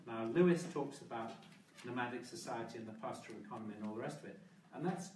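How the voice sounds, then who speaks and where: Panel guy, casual quick asides, sounds far off, noisy room. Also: medium pitch, a little mellow. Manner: brisk, informal, many "you know" asides. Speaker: panel speaker. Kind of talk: public panel discussion. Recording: roomy hall, distant mic, noise.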